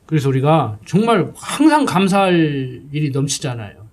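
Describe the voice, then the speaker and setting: A man's voice: fairly high pitch, very animated, normal speed. A middle-aged male pastor preaching a sermon in a folksy, conversational way, often checking in with his listeners.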